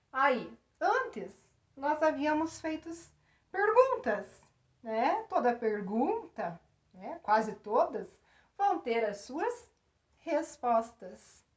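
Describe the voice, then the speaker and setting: Woman teacher, patient step-by-step explainer; fairly high voice, roomy muffled recording. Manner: explains slowly, checks in with "né?" and "tá?". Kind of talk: grammar lesson. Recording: echoey room, dull lo-fi sound.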